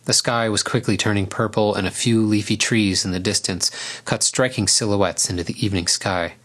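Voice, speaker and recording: A man narrating a storybook in a calm, even reading voice. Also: lowish voice, brisk.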